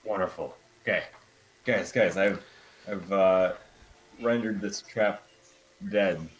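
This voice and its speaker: A man's voice: deep voice, slow, rough recording. A man playing a tabletop game, talking casually and asking the game master many questions. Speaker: player.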